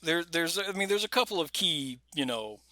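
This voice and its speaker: A man co-hosting a podcast in a casual, rambling chat, laughing easily. His voice is bright and a little high, and it sounds dry and close, with no room around it. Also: animated, normal speed, no echo. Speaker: podcast co-host.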